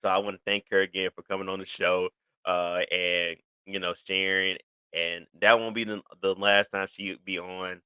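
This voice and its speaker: Man, 30, show host, casual talk to camera, deep voice, full of "you know" fillers, dry close sound. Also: little pitch movement, normal speed, bright, forceful tone, clean tone, no echo, poor audio. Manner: rambling, heavy on "you know" fillers and restarts. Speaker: host of his own show. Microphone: video recording for an online channel.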